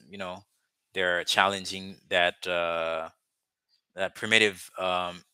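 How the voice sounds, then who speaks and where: A man from Haiti, whose first language is Haitian Creole, rambles casually to live-stream viewers about learning languages, with many fillers and restarts. His low voice is bright and forceful, and the dry recording comes from a webcam or phone mic as he speaks to camera.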